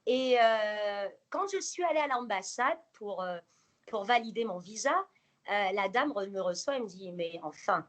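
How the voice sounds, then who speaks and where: A woman's voice: mid-range voice, expressive, normal speed. A woman in her forties telling her life story to a small group, with many fillers and hesitations. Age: 40s. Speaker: guest speaker.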